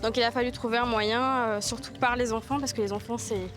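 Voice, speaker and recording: A woman from French Guiana, a village activist, answers an interview earnestly and repeats words for emphasis. Her voice is fairly high and fairly quick, with fairly even intonation, and music plays behind her.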